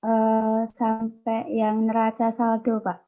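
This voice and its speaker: A woman's voice: a little high, completely flat delivery, takes it slowly, dark tone, muffled recording. Woman on a choppy, cutting-out call. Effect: choppy, cutting-out video call audio. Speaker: student. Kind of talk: online class reply.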